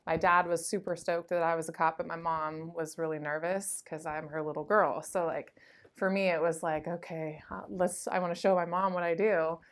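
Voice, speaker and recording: A woman in her late thirties, a sheriff's deputy, chats through her stories in a relaxed interview. Her voice sits a little low, and she fills her talk with "like" and "um". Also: normal speed. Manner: chatty, lively anecdotes with frequent "like" and "um". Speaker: school resource officer, deputy. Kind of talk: casual interview storytelling.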